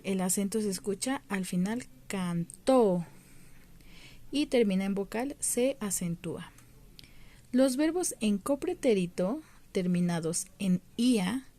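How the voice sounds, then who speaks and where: A woman's voice: medium pitch, mellow. A woman teaching a primary school lesson, patiently explaining step by step and stretching out the stressed syllables. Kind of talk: recorded remote lesson.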